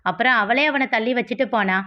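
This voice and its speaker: A blunt older uncle speaks his mind to the family, as a woman narrator puts him on. The voice sits a little high, and the recording is dull and lo-fi. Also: brisk, close to an everyday voice. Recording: dull lo-fi audio.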